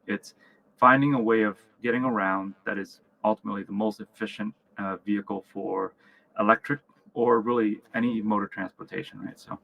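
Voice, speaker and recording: A man from Vietnam and upstate New York, the founder and chief executive of a company, gives conversational answers as an interview guest in a lowish, gravelly voice with fairly even intonation. His speech is halting, with frequent restarts and repeated words, and he often checks in with "right?" The audio is dull.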